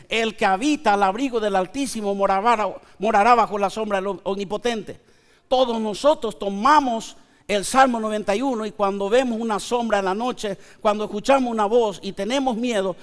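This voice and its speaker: A man, preaching a sermon to his congregation with slow, emphatic pauses and conversational asides. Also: sits high. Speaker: pastor. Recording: long church hall reverb.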